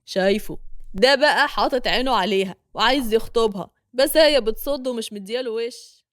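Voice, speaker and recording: A woman's voice: a little high, brisk, no echo, studio quality, close to an everyday voice. A woman with an Egyptian accent voicing an eager, respectful young neighborhood man giving directions. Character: chatty young neighborhood man, helpful informant.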